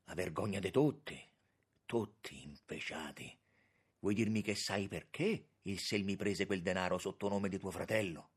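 A man voicing a weary, bitter old minister. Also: slightly rough. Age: over 60 (figure). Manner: low, muttered, slow and bitter. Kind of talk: audiobook character reading.

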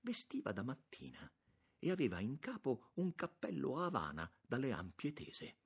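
A man reading a literary novel aloud in a measured, expressive narration. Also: mid-range voice, slightly rough. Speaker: audiobook narrator.

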